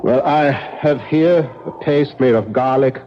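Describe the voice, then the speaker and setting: A man's voice: medium pitch, natural voice. Man acting grave Professor Van Helsing, muffled radio. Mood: solemn, purposeful. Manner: deliberate, formal, instructing. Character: grave, commanding older male professor hunting vampires. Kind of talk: 1970s radio drama acting. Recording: muffled, noisy 1970s radio broadcast.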